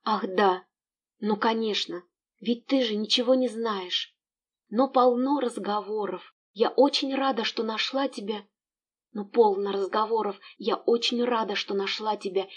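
A woman reading the part of a caring young gentlewoman who fusses and scolds her coachman. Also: mid-range voice, fairly even intonation, normal speed, slightly rough, close to an everyday voice. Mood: tender. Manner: emotional, bossy toward servant.

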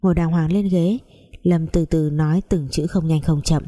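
A woman narrating a melodramatic family story, reading every character in a mostly even voice. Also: deep voice, moderate pace.

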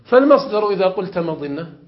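A man teaching Arabic grammar in a classroom lesson, questioning his students and repeating examples slowly. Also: sits high, sing-song, highs cut off. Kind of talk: classroom lesson explaining morphology.

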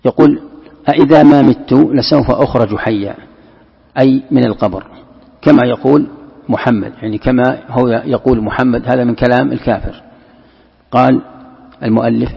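A man with a gravelly, husky voice gives a patient religious lesson, repeating each key term and restarting words as he explains. The sound is muffled and lo-fi, and a long hall echo trails each phrase. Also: mid-range voice. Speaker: sheikh teaching Quran commentary. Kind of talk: classroom lesson explaining a text.

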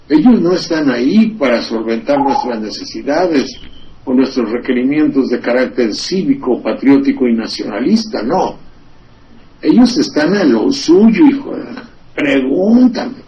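A man's voice: mid-range voice, slight background noise. Sardonic Mexican man on lo-fi radio. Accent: Mexican Spanish. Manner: digressive, sardonic storytelling with asides and wordplay. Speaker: radio host and political commentator. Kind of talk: casual political commentary on radio. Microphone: studio microphone. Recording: slightly dull lo-fi radio recording.

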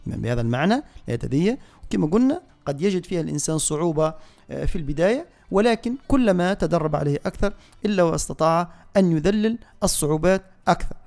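A man with a Tunisian accent teaching Quran recitation on the radio, explaining pronunciation slowly and repeating words to correct them. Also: fairly high pitch, expressive, vocal fry, a little mellow. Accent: Tunisian Arabic. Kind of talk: radio tajweed lesson with recitation. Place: radio studio.

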